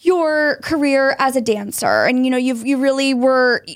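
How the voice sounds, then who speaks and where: A woman's voice: high-pitched, normal speed. A woman hosting an interview, bubbly and enthusiastic in her reactions. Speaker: podcast host. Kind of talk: casual interview.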